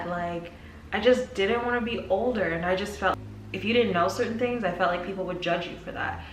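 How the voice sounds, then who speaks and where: Her mid-range voice moves briskly as this mid-twenties vlogger talks informally and candidly to camera, using plenty of slang. She keeps breaking into animated little skits of her own thoughts. The sound is off-mic and roomy, with faint noise in the background.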